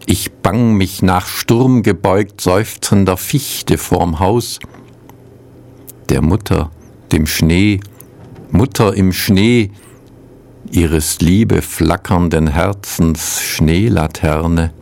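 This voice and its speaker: A man presenting a radio culture program, reading poems aloud in a calm, measured way and introducing the music between them. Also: sits low, vocal fry.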